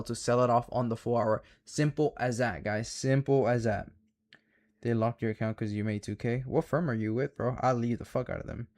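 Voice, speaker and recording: A man hosts a live trading stream with a mid-pitched voice. His talk is casual and full of slang and profanity. He stresses his points emphatically and repeats them like a mentor drilling his students.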